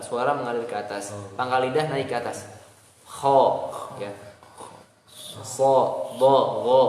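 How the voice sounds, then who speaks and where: A male Quran recitation teacher patiently demonstrates letter sounds one by one and explains tongue placement. His voice rings in a roomy hall with a long tail of reverb. Faint noise sits underneath. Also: on the high side. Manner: patient, repeats syllables aloud for students to copy. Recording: echoey room with faint noise.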